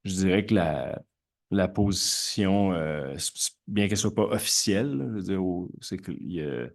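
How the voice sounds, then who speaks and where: A man's voice: sits low, expressive, moderate pace, creaky. A man with a Quebec French accent chairing a council meeting, replying informally in a hesitant, roundabout way. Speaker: council chair answering residents.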